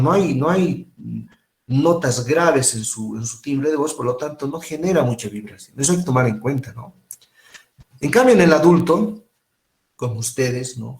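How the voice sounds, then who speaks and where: A man giving an informal medical lecture, lively and rhetorical, often asking "right?" and mimicking voices. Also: on the high side, roomy sound.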